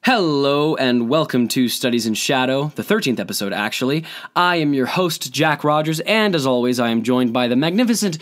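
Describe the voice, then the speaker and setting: Young man, hoarse, husky low voice, joking podcast host, casual chat. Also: animated, normal speed. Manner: joking, self-deprecating. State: hoarse from bronchitis.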